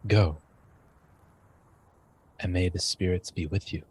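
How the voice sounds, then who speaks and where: Guy doing a blind old shaman, low husky voice, slow cryptic talk. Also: steady tone, a little mellow, heavily acted. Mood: solemn. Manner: slow, grave, measured delivery.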